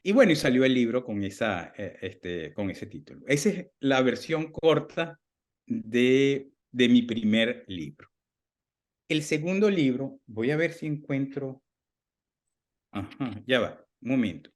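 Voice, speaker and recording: A man in his fifties with a Venezuelan accent, a guest author talking casually in an interview from home over a video call, animated and acting out remembered dialogue. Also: medium pitch, measured pace.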